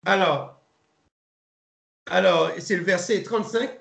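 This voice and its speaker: A man leading an informal Bible study, pausing, repeating words and spelling names out letter by letter. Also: high-pitched, creaky, fairly bright tone. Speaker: Bible teacher. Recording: roomy echo.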